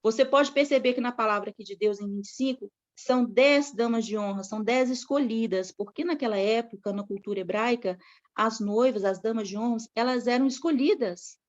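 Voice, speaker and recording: A woman's voice: a little high, brisk. A woman preaching a sermon to other women with a fervent, repetitive cadence. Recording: dull lo-fi recording.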